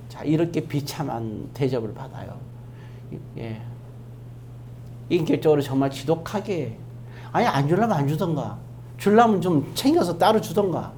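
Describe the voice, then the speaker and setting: A pastor delivers a Sunday sermon in a church in a lively, sweeping voice of middle pitch. The preacher peppers the congregation with rhetorical questions, pushing hard on key words and then sinking to near-whispered asides. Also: slight background noise. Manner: swings from loud emphasis to hushed asides. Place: church sanctuary.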